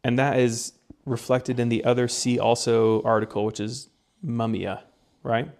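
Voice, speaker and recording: Young guy on a podcast, rambly, lots of ums and likes, ordinary pitch. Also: little pitch movement, unhurried, vocal fry, darkish tone. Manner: rambling, hedging, many fillers and restarts. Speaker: podcast co-host presenting research. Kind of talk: casual chat.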